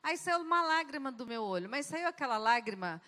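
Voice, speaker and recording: A woman's voice: high voice, expressive, a little fast, pushed and bright. A woman speaking as a guest at a church service, telling a personal testimony in an emphatic, dramatic way with sudden shifts of pace. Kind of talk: testimony told from the pulpit. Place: large church hall. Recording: long church-hall reverb.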